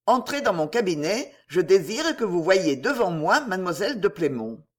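A reader voicing an older male magistrate, kind but stern, speaking in a measured, formal way. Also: mid-range voice, big pitch swings.

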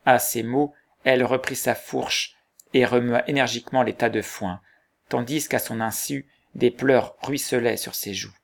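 A man narrating a novel aloud in a measured literary storytelling manner. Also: medium pitch, fairly even intonation, gravelly. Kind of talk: audiobook narration.

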